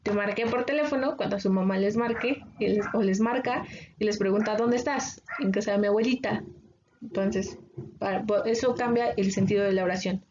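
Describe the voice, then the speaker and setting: A woman teacher with a Mexican Spanish accent explaining a lesson patiently, pausing often with filler sounds. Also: mid-range voice, darkish tone, muffled recording, slight background noise. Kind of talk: recorded online class lecture.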